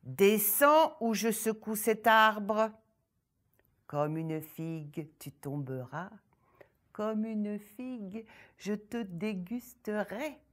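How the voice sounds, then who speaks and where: A woman's voice: medium pitch, sing-song, slow. A woman storyteller voicing a sly, greedy one-eyed ogress who coaxes sweetly and then threatens. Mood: menacing. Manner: sweetly coaxing turning menacing.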